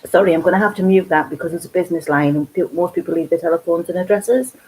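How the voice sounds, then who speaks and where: A woman's voice: fairly low pitch, quick pace, mellow, husky, poor audio. A woman with a Geordie accent hosting a casual live craft stream from home, chatting and rambling with lots of ums. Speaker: craft channel host.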